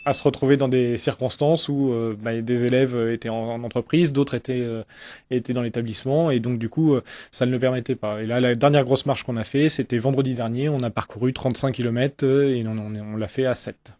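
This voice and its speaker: Un homme, enseignant invité à la radio, qui explique spontanément en hésitant et en répétant des mots. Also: male voice, medium pitch, fairly even intonation, fairly quick, mellow, dry recording. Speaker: interview guest, teacher. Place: close dry radio microphone.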